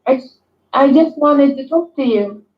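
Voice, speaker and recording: A woman talking haltingly on a video call over a bad connection, pausing often and restarting her words. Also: high-pitched. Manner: halting, hesitant, many fillers and restarts. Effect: bad video-call connection, tinny and echoey. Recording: tinny echoey video-call audio.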